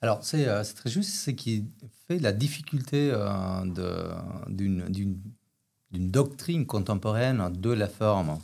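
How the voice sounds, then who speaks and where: A man with an Argentine Spanish accent, speaking French as a second language, explains philosophical ideas in an interview, often pausing and restarting. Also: fairly low pitch, expressive, vocal fry, darkish tone. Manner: hesitant, many restarts and fillers. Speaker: philosophy guest. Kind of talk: academic interview.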